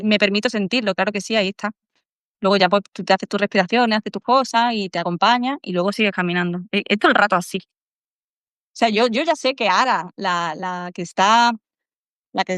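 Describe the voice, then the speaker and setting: A woman's voice: mid-range voice, fairly bright tone, dry recording. A woman with an Andalusian accent, a podcast guest talking in an earnest, reflective way and sometimes acting out her inner dialogue. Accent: Andalusian Spanish. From Málaga, Spain. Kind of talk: casual interview chat.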